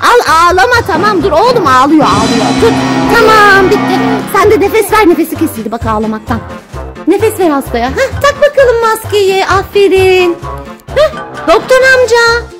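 Young mother, very high and swooping voice, playful and coaxing, background music. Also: sing-song, normal speed. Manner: playful, coaxing and narrating a pretend doctor game. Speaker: mother playing with her children. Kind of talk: casual family play. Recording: music playing under the voice.

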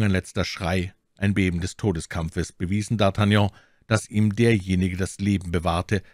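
A man reads a classic novel aloud at an even, measured storytelling pace. His voice is fairly low, and the recording is close and dry with no room sound. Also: no room sound. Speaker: audiobook reader. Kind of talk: scripted audiobook narration.

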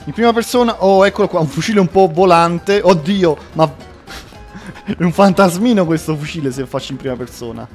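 A man giving excited gameplay commentary, yelping and laughing as he plays. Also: high-pitched, moderate pace, soft background music. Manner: excitable, yelps and laughs often. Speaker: gaming video host.

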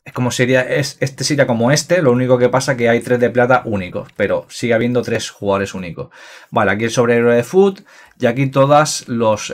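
A man giving casual, excitable gameplay commentary, swearing freely and filling pauses with fillers. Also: mid-range voice. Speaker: gaming youtuber.

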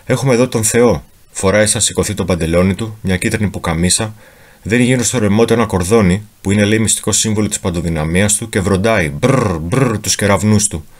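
Low-voiced man in a solemn dramatic reading. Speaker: reader of a memoir.

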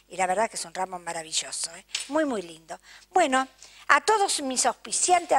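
A woman's voice: fairly high pitch, fairly bright tone. Chatty older Argentine woman TV host. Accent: Argentine Spanish. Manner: chatty, effusive, keeps asking "¿eh?". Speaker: TV show host. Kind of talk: casual chat, thanking sponsors to camera. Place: local TV studio.

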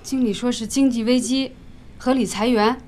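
Actress as self-reliant woman, brisk, firm, high voice, TV drama. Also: fairly even intonation, darkish tone, slight background noise, close to an everyday voice. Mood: resolute. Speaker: laid-off woman starting over. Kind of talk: television drama acting.

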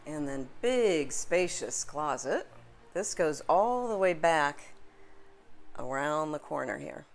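A middle-aged woman with a low voice leads a home tour as a real estate agent, upbeat and salesy. She records on a phone held at arm's length. Faint music plays underneath. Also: expressive, slow pace. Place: inside a house, then a kitchen. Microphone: phone camera, held at arm's length.

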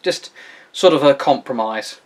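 A man's voice: mid-range voice, expressive, unhurried. A man hosting a casual woodworking how-to. He is chatty and self-deprecating, and he explains each step as he works in his home workshop. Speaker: woodworking video host.

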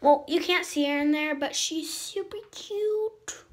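Unhurried and high-voiced, a girl around 10 to 12 years old walks through her house room by room, chatting informally for a home-tour vlog. Her amateur footage is shot on a phone held at arm's length, with noisy audio.

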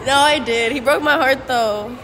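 A woman's voice: high voice, moderate pace. A woman answering street interview questions in an offhand, joking way, laughing between answers. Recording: outdoor street noise.

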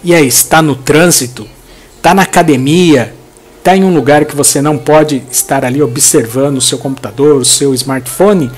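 A man's voice: a little high, normal speed, soft background music. A man in his thirties with a Brazilian Portuguese accent, hosting a web show and reading cultural event listings in an upbeat announcer manner on a headset mic in a studio. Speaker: host.

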